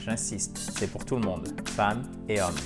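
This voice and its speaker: A man's voice: fairly low pitch, loud music behind the voice. Man teaching English, patient. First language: French. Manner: explains slowly, repeats and checks with "ok?". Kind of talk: online lesson.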